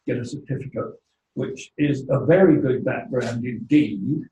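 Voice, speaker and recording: A man's voice: medium pitch, warm tone. A man in his eighties speaking as a panelist in a panel discussion in a plain-spoken, emphatic way, recorded from a distant mic in a roomy hall with faint noise. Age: 80s.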